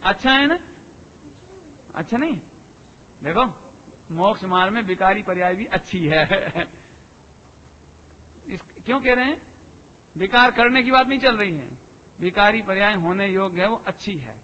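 A man preaching a sermon to an assembly, lively and full of rhetorical questions to his listeners. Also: high voice, measured pace, pauses often. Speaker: Jain preacher. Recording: echoey hall, dull lo-fi sound.

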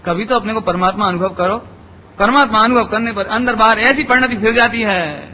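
A man's voice: sits high, brisk, sharp tone, a little hiss or hum. A man giving a sermon, putting rhetorical questions to his listeners and repeating phrases for emphasis. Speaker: preacher. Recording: long hall reverb, dull lo-fi sound.

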